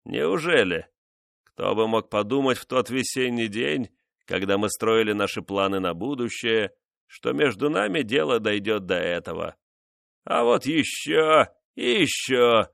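Man doing a vengeful nobleman, low voice, slow menace, dry recording. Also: lively intonation, creaky, fairly bright tone, no echo, heavily acted. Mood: menacing. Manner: mocking, menacing, measured.

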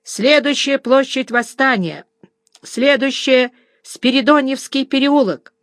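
A woman voicing a trolleybus conductor calling out stops in a monotone. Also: high-pitched, slow, dry recording, clean studio sound, pitched above the performer's own voice. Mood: flat.

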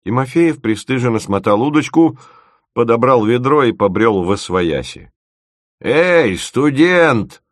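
A man reading a story aloud in even, wry scripted narration. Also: medium pitch, moderate pace, no room sound, clean studio sound. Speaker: audiobook narrator.

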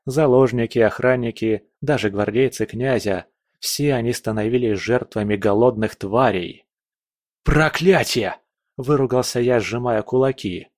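A man narrates a first-person fantasy audiobook in a voice of ordinary pitch. The recording is close and dry, with no room sound. When the characters shout, he raises his pitch and volume to match. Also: normal speed, no echo.

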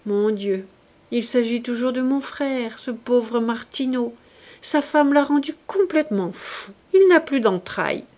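A woman's voice: fairly high pitch, animated, measured pace, a little mellow, voice pushed up. A woman voicing a plump, complaining middle-aged lady who reproaches an old friend in a plaintive, wheedling tone. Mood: reproachful.

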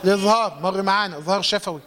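A man with an Egyptian accent and a high voice teaches the rules of Quran recitation. He keeps asking questions and answering them himself. He slows to a long, drawn-out recitation whenever he gives an example. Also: fairly bright tone, big-room sound. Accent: Egyptian Arabic. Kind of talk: tajweed lesson with recited examples.

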